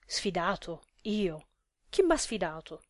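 Woman doing a meek dazed husband, soft hesitant placating tone, quiet and dry. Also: lowish voice, big pitch swings, slow pace, no room sound. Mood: puzzled. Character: meek bewildered middle-aged husband.

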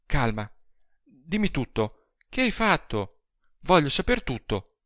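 Una giovane donna fragile e angosciata, interpretata da un uomo, con voce alta e supplichevole, nel pieno di un audiolibro. La lettura è lenta e la registrazione asciutta. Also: male voice, fairly high pitch, sing-song, slow pace, sharp tone, dry recording, studio quality, voice pushed up, heavily acted. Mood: anxious. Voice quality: pleading, anxious. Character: small frail frightened young woman. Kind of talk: audiobook reading.

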